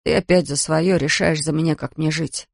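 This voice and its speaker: A man's voice: fairly high pitch, steady tone, normal speed, creaky, a little hiss or hum. A reader doing a furious, resentful teenage boy. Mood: resentful angry. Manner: resentful, sullen, shouting. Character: angry teenage boy fighting his mother.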